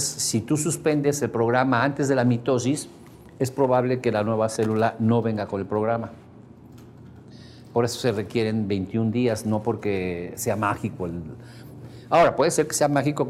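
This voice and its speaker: A man's voice: fairly low pitch, a little mellow, slight background noise. Conversational Mexican man teaching a workshop. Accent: Mexican Spanish. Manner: conversational, explains with everyday examples and checks in with the audience. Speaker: seminar instructor. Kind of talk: workshop lecture to a live group. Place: seminar room with a live audience.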